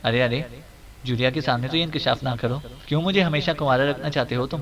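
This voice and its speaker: A man's voice: mid-range voice, a bit bright, natural voice. A man voicing a stern, sly secret agent. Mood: playful. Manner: commanding, clipped, playful. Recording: distant mic.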